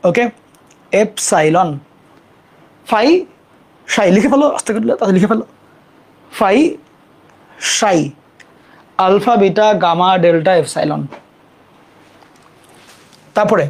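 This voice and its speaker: A young adult teacher talks through a live math lesson in a loose, informal way. The voice sits at a middle pitch, and the teacher repeats terms slowly so students can copy them and apologizes quickly for board mistakes.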